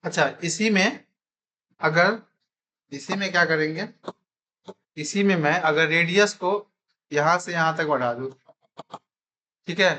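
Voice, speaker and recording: A man's voice: a little high, unhurried, long pauses, bright, forceful tone. A man teaching a classroom math lesson in speech, constantly quizzing his students with repeated questions.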